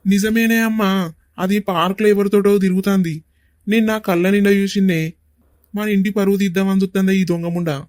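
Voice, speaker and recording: A man's voice: sits high, level tone, quick pace, no echo, studio quality, natural voice. A man voicing a hot-tempered, bossy young village son in a cartoon, with a Telangana Telugu accent. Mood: angry. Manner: angry, bossy shouting. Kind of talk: cartoon voice acting.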